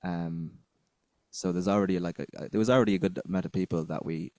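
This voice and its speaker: Casting: male band member, west of Ireland accent, deep voice, halting and conversational. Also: fairly even intonation, darkish tone, no echo. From Galway, west of Ireland. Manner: rambling, halting. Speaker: band member being interviewed. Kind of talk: casual interview chat.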